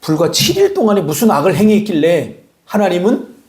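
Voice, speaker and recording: High-voiced man preaching with animation. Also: a little fast. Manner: animated preaching, teasing congregation members by name. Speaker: pastor. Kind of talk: sermon. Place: church sanctuary.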